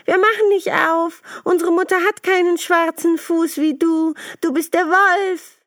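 A chorus of tiny goat kids in a storybook reading squeak out in high, childlike voices, as a woman puts them on. They come through louder than the narration, bright and insistent. The sound is dry and close. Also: steady tone, a little slow, no room sound, full character voice. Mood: pleading.

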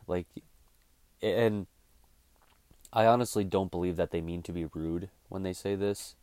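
Deep and mellow, this man's voice moves unhurriedly through a blunt, profanity-laced rant. He's in his thirties, hosting his own podcast in a casual monologue, captured in a dry recording.

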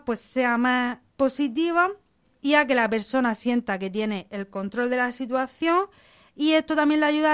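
Calm, clear-voiced psychologist woman. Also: a little high. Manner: calm, methodical, explaining in structured lists. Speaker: psychologist guest. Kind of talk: explanatory radio interview answers.

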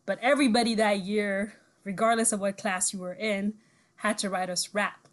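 Guesting on a relaxed interview, a young musician in her twenties whose first language is French, with roots in Ivory Coast and Zimbabwe, shares her story in a steady, medium-pitched voice at normal speed. She chats freely, laughing a lot and often drifting into fillers.

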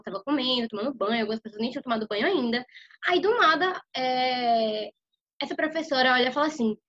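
A young woman on a podcast telling a story in a casual, slangy, animated way. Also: high-pitched, highs cut off. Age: young adult. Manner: animated and slangy, vivid retelling. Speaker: podcast co-host.

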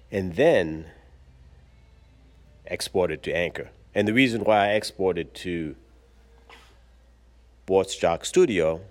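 A man hosting his own podcast in a relaxed, chatty and upbeat way, sitting at his desk at work and recording straight into a smartwatch. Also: low voice. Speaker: podcast host. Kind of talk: casual solo podcast talk.

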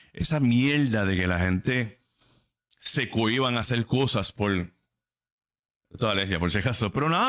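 A man's voice: medium pitch, a bit bright. A man in his thirties talks straight to his listeners in a casual podcast. He is blunt and emphatic and swears freely. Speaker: podcast host. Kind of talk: casual livestream chat.

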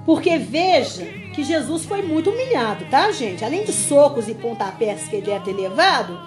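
A woman's voice: high voice, very animated, moderate pace, music in the background. A woman leading a small Bible study group, preaching in an earnest, emphatic way and often calling her listeners "gente". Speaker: women's Bible study leader.

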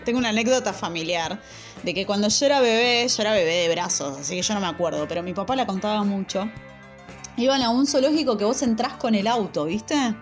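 A woman's voice: mid-range voice, fairly quick, soft background music. A young woman with a Rioplatense accent co-hosting a casual chat, reading listener replies and telling stories full of slang and laughter. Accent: Rioplatense Spanish. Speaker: podcast co-host.

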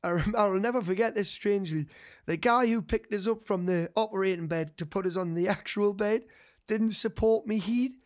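A man's voice: high voice, normal speed. A young man from North East England talks in a broad Geordie accent. He tells his story casually among friends, with plenty of slang and swearing, and slips into quoted dialogue as he goes.

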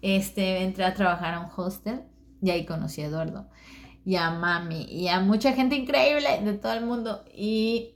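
A young woman from Mexico, candidly telling a personal story in a reflective way, with many fillers. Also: mid-range voice.

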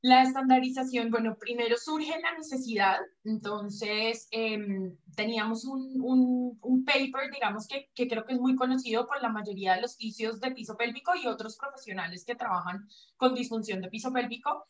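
Poor audio captures a Colombian woman, a native Spanish speaker, as she's interviewed over video call as a pelvic floor physiotherapist guest. Her pitch is fairly high and her speed normal, and her explanations come out hesitant, dotted with fillers and restarts.

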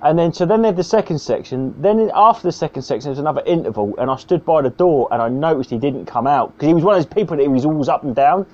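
A man's voice: fairly high pitch, expressive, very fast, hardly any pauses, darkish tone. A man, a stand-up comedian telling a sweary, rambling anecdote on a podcast. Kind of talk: casual storytelling. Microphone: video call. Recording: dull lo-fi video call audio.

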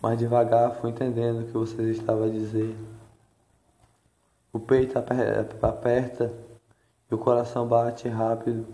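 Man slowly reciting a flat, dark-voiced poem. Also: medium pitch. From Ceará, Brazil. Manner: slow, even, repetitive recitation. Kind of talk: recited spoken-word poem. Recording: echoey room with faint music.

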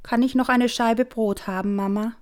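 A woman's voice: fairly high pitch, fairly even intonation, moderate pace, darkish tone, smooth, voice pushed up, natural voice. A woman voicing a teasing, cheeky little boy in a children's story, with an Austrian accent. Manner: mocking, then sweetly fake-innocent.

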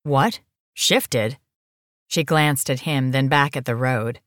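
A woman narrating an audiobook in a measured, even manner. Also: extremely low pitch, clean tone, no room sound, studio quality.

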